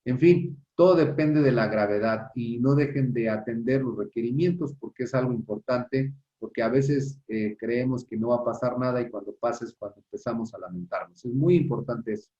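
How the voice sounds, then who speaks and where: A man's voice: medium pitch, moderate pace, few pauses, warm tone, dull audio. A man with a Mexican accent giving a recorded course lecture on customs rules, talking to his audience conversationally and tagging points with a questioning "no?". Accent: Mexican Spanish. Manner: addresses the audience directly, repeats points for emphasis.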